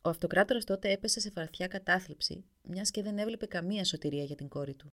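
Woman reading a folk tale out loud, lowish voice, expressive storybook style. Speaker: narrator. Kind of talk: storybook narration.

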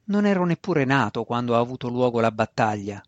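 A cool, unshakable young dark elf warrior, read by a man in a storybook, low and quietly menacing. The voice sits in a middle register, and the recording is dry and slightly dull. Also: sing-song, fairly quick, no echo, natural voice. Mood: calm.

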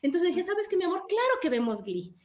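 A woman talks in a lively, chatty way and acts out the voices in her stories. Her voice sits high. The room around her echoes. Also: fairly quick. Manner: chatty, animated storyteller acting out quotes. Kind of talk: casual conversation about parenting.

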